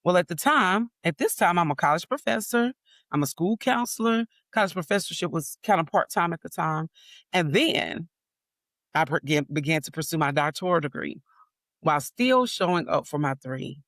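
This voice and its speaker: A woman's voice: deep voice, animated, normal speed, a bit bright, dry recording. Forties woman spilling her story, candid, laughs through the hard parts, dead dry audio. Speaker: podcast guest, author. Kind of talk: personal storytelling.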